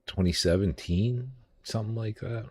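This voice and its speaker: A man's voice: on the low side, moderate pace, slight background noise. A man hosting a show, chatting casually in a rambling, hesitant way with many fillers while drinking beer. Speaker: host. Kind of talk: casual chat.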